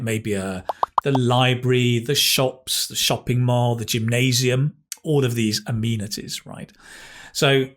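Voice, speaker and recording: A man with a mid-range voice working as an English teacher over a video call. He is cheerful and encouraging, and he drops his pace to spell out each useful phrase with care. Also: mid-range voice. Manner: upbeat, praising, explains slowly with emphasis. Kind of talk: interview then language analysis.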